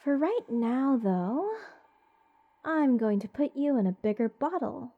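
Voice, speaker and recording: Over phone-quality sound, a woman's high, animated voice carries a full character voice. As a voice actor, she plays an eccentric mage who gushes about cursed creatures, rambling to the listener in a whimsical fantasy ASMR roleplay. Slow, doting, and theatrically whimsical, she sounds dreamy and fond.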